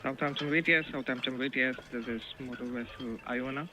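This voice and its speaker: Ship's officer on noisy marine radio. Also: male voice, medium pitch, steady tone, fast talker. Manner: formal radio procedure with small corrections. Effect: marine VHF radio transmission. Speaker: ship's officer calling harbour control.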